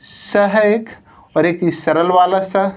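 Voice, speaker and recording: A man's voice: sits high, steady tone. Male Hindi teacher sounding out letters. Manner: explains slowly, repeating "theek hai" often; sounds out letters one at a time. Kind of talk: online coaching lesson. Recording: slightly dull lo-fi sound.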